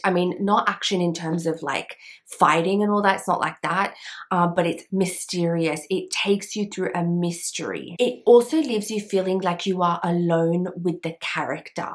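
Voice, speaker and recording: A young woman chatting enthusiastically about books she loves, full of "like" fillers. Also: on the low side. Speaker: book vlogger. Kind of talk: casual book recommendation vlog.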